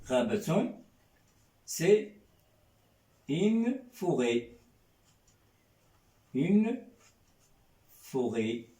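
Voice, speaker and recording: A man's voice: a little high, sing-song, very slow, long pauses, dark tone. A man teaching a lesson in French, patiently repeating sounds and checking on his students with a questioning "hein?". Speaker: Arabic teacher. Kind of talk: classroom lesson. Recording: roomy echo, distant mic.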